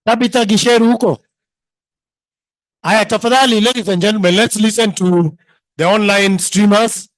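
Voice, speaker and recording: A Kenyan man with a very high-pitched voice works as master of ceremonies, heard through loudspeakers with little echo. He is playful and informal, repeats phrases for emphasis and slips between English and Swahili. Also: steady tone, normal speed, long pauses. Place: live reunion gathering with a microphone.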